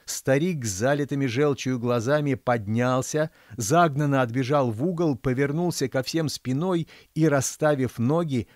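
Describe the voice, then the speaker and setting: A man, the author, reading his fairy-tale audiobook in a measured, storytelling manner. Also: mid-range voice, darkish tone, dry recording, clean studio sound. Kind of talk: audiobook narration.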